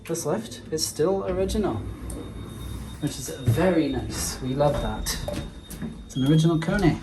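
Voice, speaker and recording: A man's voice: on the high side, a little slow. Chatty young man filming inside a lift. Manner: enthusiastic, chatty, lift-spotter detail. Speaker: transport vlogger. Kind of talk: casual on-location commentary. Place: lift inside a mountain station. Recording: echoey room with loud ambient noise.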